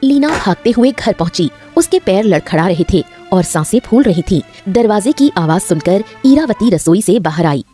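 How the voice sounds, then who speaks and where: A woman narrating a cartoon story with expressive, scripted storytelling. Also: mid-range voice, normal speed, hardly any pauses, faint music behind.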